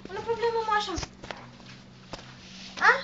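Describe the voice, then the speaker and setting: High-pitched woman pleading, muffled home video. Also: steady tone, unhurried, heavy background noise. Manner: repetitive, pleading, coaxing. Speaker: parent comforting a crying relative. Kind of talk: home video, coaxing questions. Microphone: handheld camera mic.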